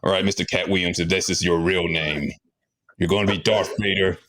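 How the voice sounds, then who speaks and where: A man's voice: sits low, fairly even intonation, fairly quick, fairly bright tone. A man hosting a comedy show, rambling and teasing as a sleazy casting director in an improv sketch. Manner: rambling, teasing, laughs often. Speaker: host playing a casting director.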